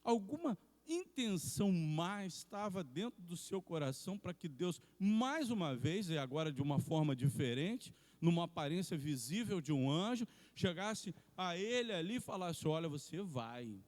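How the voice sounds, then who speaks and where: A man preaching, telling the story in an animated way and acting out the scenes. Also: sits high, normal speed, hardly any pauses. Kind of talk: sermon. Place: church hall. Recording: long reverb in a church hall.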